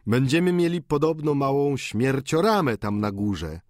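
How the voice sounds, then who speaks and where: A man's voice: medium pitch, expressive, moderate pace, a little mellow, dry recording, studio quality, pitched above the performer's own voice, lightly acted. A male audiobook reader voicing a mocking painter who jokes flippantly. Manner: flippant, joking. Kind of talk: audiobook character reading.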